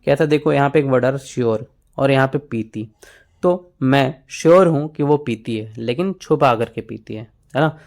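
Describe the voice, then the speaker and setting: Guy teaching vocab in hindi, mid pitch, keeps saying ok to check ur following. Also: normal speed, gravelly, a little mellow. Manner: explains words in Hindi mixed with English, memory tricks, frequent "ठीक है". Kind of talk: exam-prep vocabulary lesson.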